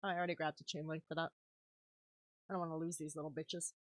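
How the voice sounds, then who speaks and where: A woman's voice: low-pitched, level tone, fast talker, dry recording. A woman chatting casually on a live stream while crafting, swearing freely and laughing often. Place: home craft room.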